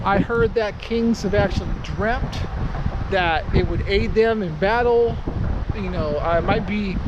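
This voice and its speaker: Slangy American man, high-pitched, noisy recording. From the United States. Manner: slangy, sweary, informal. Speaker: travel vlogger. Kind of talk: casual rambling vlog talk to viewers. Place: outdoors at a hilltop memorial, later inside a cave.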